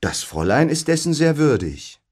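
Narrator voicing a genial prince, assured and dismissive. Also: male voice, on the high side, sing-song, normal speed, darkish tone, husky, voice pushed up. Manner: jovial, dismissive. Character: genial, confident noble prince.

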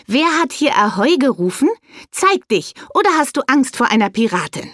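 A woman's voice: fairly high pitch, very animated, normal speed, dry recording, clean studio sound, pitched above the performer's own voice. A woman voicing a bold, cheeky young girl pirate captain in a brash, indignant manner.

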